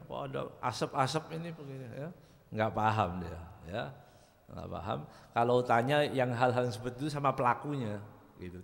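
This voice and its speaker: A man teaching a Ramadan religious study lesson in a mosque, chatty and lively, joking and chanting Arabic passages. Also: mid-range voice, creaky, long reverb tail.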